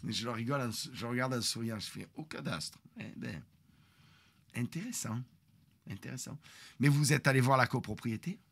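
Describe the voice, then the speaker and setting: A man's voice: mid-range voice, brisk, creaky, hardly any pauses, slightly rough, no echo. A man telling a story on a live stream, acting out the confrontation dramatically. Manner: dramatic, animated retelling that acts out the confrontation.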